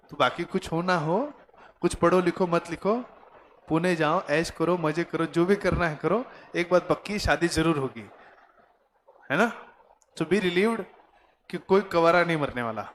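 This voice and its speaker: A man with a fairly high voice teaches a commerce lesson in a classroom. He explains each point slowly and deliberately, quizzing his students as he goes, while faint classroom noise sits behind him. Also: a bit bright. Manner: mixes Hindi, Marathi and English, quizzes students. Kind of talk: classroom lecture.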